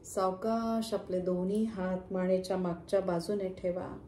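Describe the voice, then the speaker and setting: Woman, meditation guide, unhurried, mellow, flat even delivery, echoey room, faint hum. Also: lowish voice. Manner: slow, soothing instructions.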